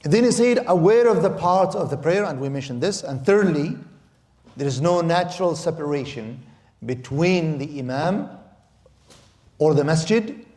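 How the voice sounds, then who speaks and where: A man's voice: a little high, warm tone. Male Islamic law teacher, native Arabic speaker, patient step-by-step explainer, echoey lecture room. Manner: explains step by step, mixes Arabic words into English, repeats and restarts phrases. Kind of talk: classroom lecture. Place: lecture hall of a mosque center.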